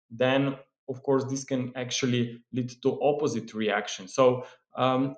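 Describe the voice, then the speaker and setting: Guy explaining market charts, lots of uhs and ums, roomy echoey sound. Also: medium pitch. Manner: steady explanatory delivery with frequent "uh" and "um" fillers. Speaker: market analyst. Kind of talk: market analysis commentary. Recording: roomy echo.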